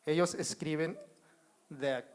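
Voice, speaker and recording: A man's voice: on the high side, slow pace, smooth. A man with a Mexican Spanish accent teaching a Bible study in a church. He writes on a board as he explains, repeats himself, and keeps asking the congregation whether they follow. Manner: addresses the congregation as brothers, asks if they follow. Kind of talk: slow, repetitive Bible teaching.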